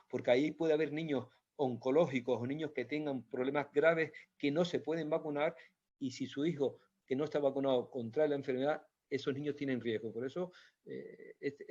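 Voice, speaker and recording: A man's voice: mid-range voice, darkish tone. A man, a doctor, giving an informal health talk with slides, explaining patiently and repeating points with many hesitations. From Spain. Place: Canary Islands. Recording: dull lo-fi sound.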